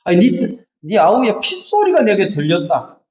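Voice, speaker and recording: A male preacher voicing God, speaking slowly, firmly and solemnly to Cain. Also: sits high, huge pitch swings, a little mellow, echoey room, far from the mic, poor audio. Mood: solemn questioning. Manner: slow, solemn, firm.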